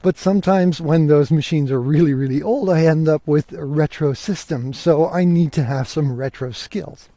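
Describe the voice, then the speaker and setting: A Belgian man hosts a solo podcast while walking through countryside fields, recorded on a portable podcasting rig. His slightly high voice is warm and casual, moving at a moderate pace with few pauses and no echo, and he sounds conversational and enthusiastic.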